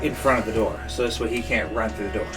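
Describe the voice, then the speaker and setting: A man playing a tabletop game, eagerly planning his moves out loud. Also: on the low side, fairly even intonation, quick pace, far from the mic, over music. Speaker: player. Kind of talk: casual game talk.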